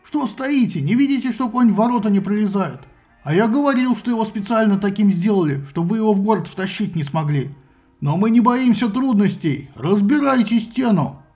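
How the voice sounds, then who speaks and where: Shrill male agitator, shrieking, ranting, very high, bossy, audiobook. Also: very animated, a little fast, a little mellow, faint music behind. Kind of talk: audiobook character voice.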